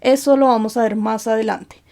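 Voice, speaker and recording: A woman's voice: on the high side, fairly even intonation, brisk, a little mellow. A woman teaching a grammar lesson from slides, patiently asking rhetorical questions and then answering them. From Colombia. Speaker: Japanese teacher. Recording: faint background music.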